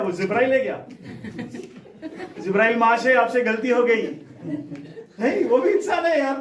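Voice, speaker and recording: A pastor preaches a call-and-response sermon in a large church hall, speaking in bursts and cueing the congregation to repeat words after him. His voice is very high and a little mellow, and the echoey recording, made with a distant mic, carries the crowd plus a slight hiss or hum.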